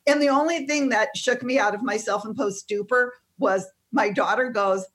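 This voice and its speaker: A middle-aged woman, a seminar teacher, telling a personal story in conversation, animated and emotional. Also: fairly high pitch, normal speed.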